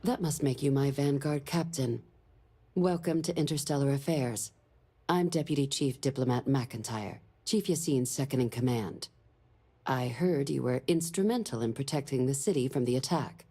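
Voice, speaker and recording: A woman's voice: very deep voice, normal speed, mellow, breathy edge, exaggerated voice. An actress voicing a composed female deputy diplomat in a video game, briefing in a formal tone.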